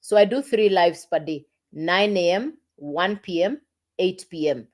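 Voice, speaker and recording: On a livestream, a woman pitches an online business casually, speaking directly to viewers and repeating herself to coax them. Her voice is on the low side, unhurried, with lively intonation.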